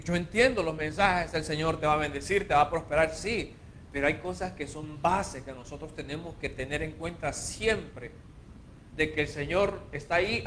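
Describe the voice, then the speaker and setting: High-voiced man preaching with passion. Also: fairly bright tone, slight background noise. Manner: impassioned, mocks quoted people in a whiny high voice. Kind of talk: informal sermon.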